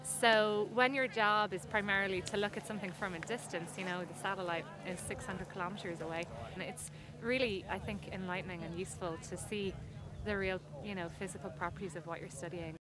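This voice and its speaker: A woman's voice: medium pitch, fairly even intonation, fairly quick, a crowd in the background. Enthusiastic woman researcher. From Ireland. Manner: enthusiastic, laughs easily. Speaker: sea ice researcher. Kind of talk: interview.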